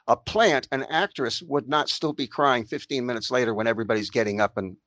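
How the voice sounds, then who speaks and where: A man in casual conversation, thinking out loud, repeating phrases and often giving short agreements. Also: mid-range voice, brisk, no echo.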